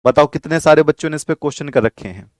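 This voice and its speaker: A man teaches a live online chemistry class, his voice sitting a little high for a man. He explains patiently, repeats each key point and keeps asking the students to answer him. The sound is dry and close. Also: fast, dry recording.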